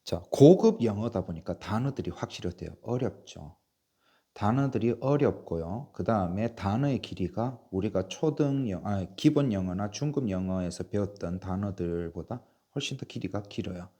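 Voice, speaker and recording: A male English teacher running a patient spelling drill, spelling words out slowly letter by letter and coughing now and then from a sore chest. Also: fairly low pitch, lively intonation, mellow, slightly rough. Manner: patient, repetitive, asks and answers himself. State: coughing, bronchial trouble. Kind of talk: slow spelling drill lesson.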